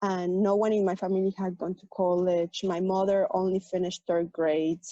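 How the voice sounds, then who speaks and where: A tech program manager from Mexico, a native Spanish speaker with a Mexican accent, shares her personal story as a guest on a virtual panel. She talks at a moderate pace in a mellow, relaxed, medium-pitched voice, explaining earnestly and patiently with fillers and small restarts. The audio is dry and slightly dull, like a video call, with no room sound.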